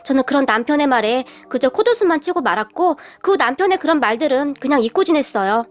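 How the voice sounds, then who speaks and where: A woman's voice: high-pitched, expressive, fast talker. A woman narrating a family story in the first person, in a chatty, confiding way.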